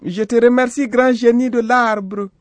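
Man doing a gentle goat-woman, high falsetto, pleading, dry close sound. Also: steady tone, a little slow, dry recording. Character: gentle female goat turned young woman.

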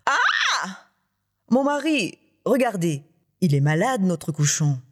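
A storyteller voicing an excitable tiger wife who exclaims in a shrill, much higher voice. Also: moderate pace, long reverb tail, close to an everyday voice. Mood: alarmed.

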